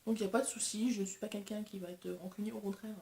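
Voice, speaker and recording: A woman's voice: medium pitch, fairly even intonation, racing, mellow, echoey room. A young woman vlogger chatting casually and self-deprecatingly while testing makeup. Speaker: beauty vlogger. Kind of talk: casual chat.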